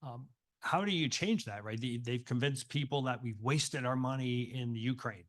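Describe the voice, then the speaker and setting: A man's voice: mid-range voice, normal speed. Conversational man asking from the audience. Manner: conversational, pointed. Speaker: audience member asking a question. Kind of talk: audience question at a panel.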